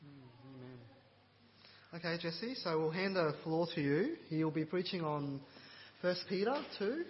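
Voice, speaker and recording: A man's voice: fairly high pitch, expressive, takes it slowly, long reverb tail, muffled recording, slight background noise. A man interviewing and introducing the preacher at a church, asking brief questions with a light, laughing manner. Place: church hall.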